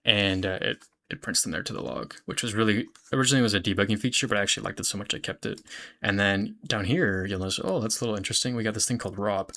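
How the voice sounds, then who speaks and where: A young man casually walking through a software demo of his own project, explaining in a relaxed, chatty way with fillers and self-corrections. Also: fairly low pitch, quick pace.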